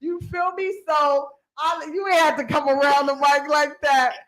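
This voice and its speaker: A woman in her forties hosting a podcast, chatting casually and laughing in slangy, animated talk. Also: high-pitched, normal speed, rough recording. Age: 40s. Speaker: podcast host. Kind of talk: casual interview chat.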